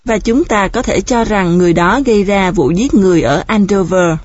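A woman reading the lines of a grave male police officer, serious and deliberate, in a storybook reading. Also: mid-range voice, darkish tone, no echo, close to an everyday voice. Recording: dull, dry recording.

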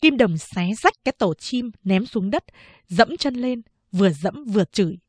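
A woman narrating a novel as an audiobook, telling the story in a measured, even way. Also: mid-range voice, husky, no room sound, clean studio sound. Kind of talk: scripted narration.

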